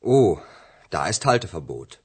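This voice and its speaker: A calm, patient hotel clerk. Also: male voice, low-pitched, measured pace, breathy edge, exaggerated voice. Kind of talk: radio drama for language learners.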